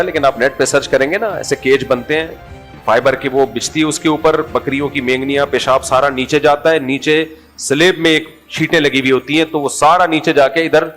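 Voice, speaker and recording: A middle-aged male preacher with a Pakistani Urdu accent, his voice pitched a little high. He talks to his listeners in a relaxed, joking way and keeps asking them questions. Faint music plays under the speech. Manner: conversational, humorous, asks audience questions. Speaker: Islamic preacher. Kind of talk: sermon.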